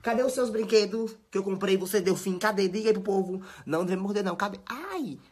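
A woman's voice: medium pitch, fast talker, a little mellow, husky. A young woman with a Bahian accent talking dramatically and exaggeratedly at home into her phone, scolding and chattering. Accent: Bahian Brazilian Portuguese. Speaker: social media personality. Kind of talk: casual phone stories monologue.

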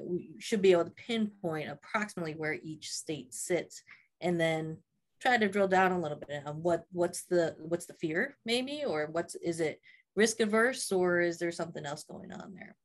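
Lady moderating a video call panel, low voice, calm and agreeable. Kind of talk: casual webinar discussion. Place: office.

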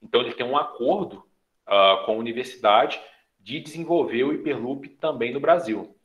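A man's voice: medium pitch, moderate pace, fairly bright tone, echoey room, lo-fi sound. Young Brazilian man lecturing online. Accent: Brazilian Portuguese. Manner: explanatory, with frequent tag questions. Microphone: earbuds on video call.

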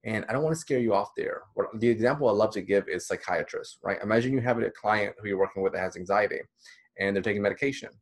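A man's voice: lowish voice, fast. A man in his thirties, a counselor from the Dominican Republic, giving a casual, encouraging recorded lecture with many fillers. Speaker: counselor teaching a course. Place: small indoor room.

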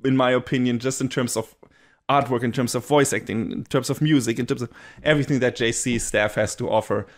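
A man's voice: mid-range voice, steady tone, a little fast. A man co-hosting a casual podcast, reviewing a show with eager, rambling talk full of restarts and fillers. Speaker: podcast co-host reviewing anime.

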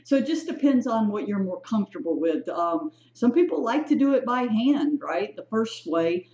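A woman's voice: mid-range voice, very animated, normal speed, darkish tone. Chatty woman teaching statistics, echoey. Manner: chatty, self-correcting, asks "right?" often. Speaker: statistics instructor. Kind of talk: recorded lecture walkthrough. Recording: echoey, dull lo-fi room sound.

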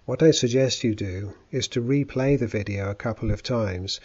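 A man's synthetic robot-like voice narrating a scripted screen-capture tutorial in a steady, methodical, instructional way. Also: mid-range voice, normal speed, slightly rough, highs cut off.

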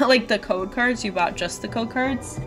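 A woman's voice: a little high, wildly swooping pitch, a little slow, fairly bright tone. Chatty woman streamer over game music. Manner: chatty, reacting aloud and addressing viewers. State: getting over a cold with a cough. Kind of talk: live game stream chat, reading dialogue aloud.

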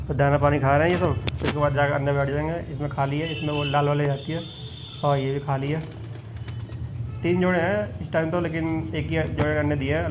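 A man's voice: on the high side, noisy background. A man vlogging from his rooftop pigeon loft, chatting to viewers as he points out his birds, filmed on a handheld phone. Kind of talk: casual filmed walkthrough.

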